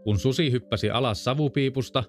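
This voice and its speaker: Man calmly reading a fairy tale. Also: medium pitch, faint music behind. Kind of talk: storybook narration.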